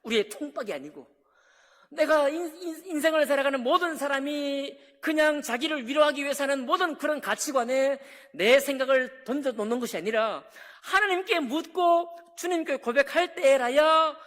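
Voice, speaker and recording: A man's voice: very high-pitched, normal speed, pushed and bright. A man pastor preaching an impassioned sermon, acting out the pleas of biblical figures. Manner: impassioned, acts out complaints of prophets. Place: church sanctuary. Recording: long church hall reverb.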